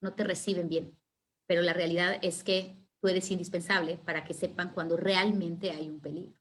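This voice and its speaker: A woman voicing Anger, an impatient but brotherly male emotion, speaking brisk and matter-of-fact. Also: lowish voice, flat delivery, natural voice. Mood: explaining.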